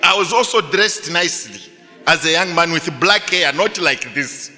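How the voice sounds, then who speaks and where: A middle-aged male pastor preaching to students, telling a story with animated delivery and frequent rhetorical questions. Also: a little high, normal speed, in a large hall. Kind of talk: sermon to students.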